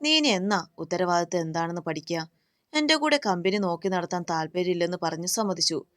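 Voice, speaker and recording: A woman's voice: fairly low pitch, brisk, a bit bright, no room sound, studio quality, close to an everyday voice. A woman reading as a stern lecturing father. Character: stern father scolding his grown son.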